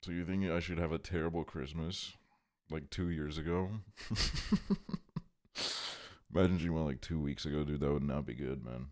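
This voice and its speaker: A man's voice: rumbling low, steady tone, moderate pace, pauses often, a little mellow. A man chatting casually on a livestream as he reacts to a video, rambling, wry and swearing freely.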